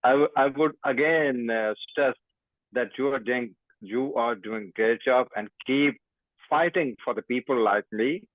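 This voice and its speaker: A man from Pakistan with a Pakistani English accent, a guest journalist talking haltingly with many fillers over a remote call. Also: medium pitch, no echo. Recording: tinny dry phone-like line.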